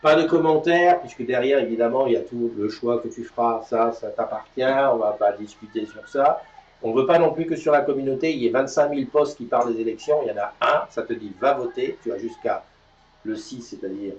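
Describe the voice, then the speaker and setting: A man's voice: mid-range voice, brisk, darkish tone. A man hosting a live morning show, chatting casually and upbeat, announcing news and teasing his co-host. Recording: distant, roomy, dull sound.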